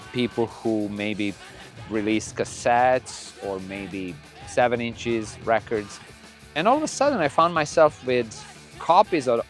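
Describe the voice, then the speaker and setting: Give me a relaxed middle-aged man from Croatia, telling stories over faint music. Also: medium pitch. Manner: relaxed, rambling, with frequent restarts. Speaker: podcast host and record label owner. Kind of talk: casual monologue. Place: room full of records.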